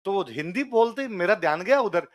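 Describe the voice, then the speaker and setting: A man with a Rajasthani accent tells a personal story in the middle of a lesson. He has a notably high voice. He slips into the voices of the people in his story as he goes. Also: a little fast. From Jodhpur, Rajasthan. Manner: animated storyteller acting out quoted voices. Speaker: teacher. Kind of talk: storytelling anecdote in a lecture.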